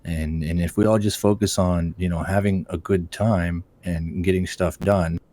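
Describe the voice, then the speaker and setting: A man's voice: sits low, steady tone, normal speed, dark tone. A man leading a casual voice-chat guild meeting as raid leader, talking bluntly and swearing freely. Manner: blunt and profane.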